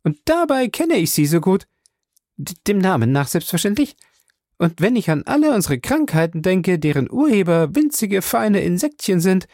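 A man voicing a chattering, warm-hearted older woman who gushes breathlessly. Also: high-pitched, very animated, normal speed, no room sound, studio quality, pitched above the performer's own voice. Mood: gushing.

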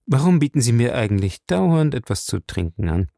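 A man reading a hard-pressing police captain in a low, gravelly voice. The questions come blunt and probing, and the recording is dry and close. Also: sing-song, moderate pace, mellow, no room sound. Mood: stern. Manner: blunt, interrogating.

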